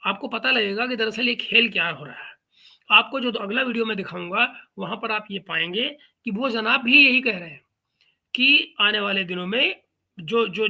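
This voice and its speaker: A man hosts a reaction commentary show and talks back at the clips he plays. His voice is very bright and sharp, and his tone stays mocking and sarcastic. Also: high voice. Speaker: YouTube commentary host.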